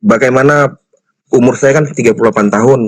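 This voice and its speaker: A man's voice: mid-range voice, quick pace, no echo, poor audio. A man in his thirties politely asking a question, hesitant and personal. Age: 30s. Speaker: caller with a question.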